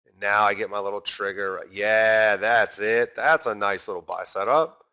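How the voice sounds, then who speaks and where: A man teaching a recorded trading lesson, animated and talking straight to his viewers, acting out a trader's inner voice. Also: fairly low pitch, moderate pace, smooth. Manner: talks straight to the viewers as guys. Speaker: trading instructor.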